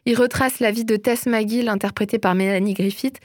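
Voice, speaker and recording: A young woman with a slightly high voice chats eagerly about films and shows she loves. She talks in an easygoing, lively way and laughs often. The recording is close and dry. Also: a little fast, no echo. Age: young adult. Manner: chatty, enthusiastic, laughs often. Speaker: host. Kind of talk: casual film and series recommendations.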